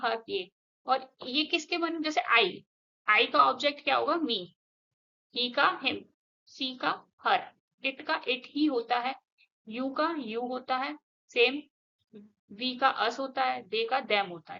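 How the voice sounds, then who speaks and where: A woman's voice: high voice, sharp tone. A woman teaching an English grammar lesson step by step, often checking with her students and asking them questions. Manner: explains step by step, asks students questions, often says "theek hai". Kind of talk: classroom-style grammar lesson mixing Hindi and English. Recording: dull lo-fi audio.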